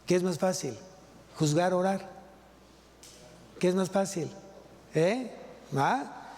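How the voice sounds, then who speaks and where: A man's voice: sits high, expressive, slow pace, darkish tone. A male pastor with a Mexican Spanish accent preaching a sermon, asking rhetorical questions and repeating key phrases. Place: large church hall. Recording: long hall reverb.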